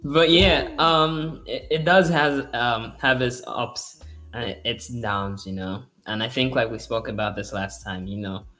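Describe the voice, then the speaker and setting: A man's voice: mid-range voice, a little slow, pushed and bright. A young man co-hosting a podcast, talking in an upbeat, hopeful way. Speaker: podcast co-host. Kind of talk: casual chat.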